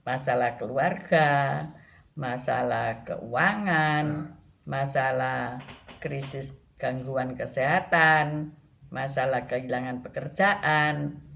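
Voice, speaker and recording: A woman pastor giving a devotional Bible teaching, speaking gently and often adding a soft "ya". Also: rumbling low, gravelly. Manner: slow, gentle, frequent tag "ya".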